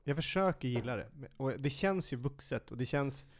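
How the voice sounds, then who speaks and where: A man's voice: medium pitch, animated, slight background noise. A man chatting casually as a co-host, rambling and correcting himself with playful teasing. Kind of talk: casual chat.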